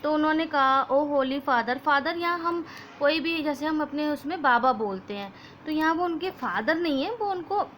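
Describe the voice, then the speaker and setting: A woman's voice: high voice, lively intonation, moderate pace, fairly bright tone, a little hiss or hum. A young woman teaching a lesson to children, switching between Hindi and English as she explains. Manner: mixes Hindi and English, addresses children as "beta".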